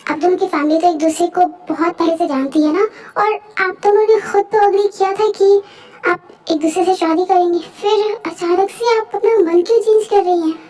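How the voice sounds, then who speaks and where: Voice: very high-pitched, steady tone, moderate pace, a little mellow, soft background music. A dubber voicing a spirited young woman wedding planner in a fan dub, mixing English phrases into Hindi. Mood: shocked.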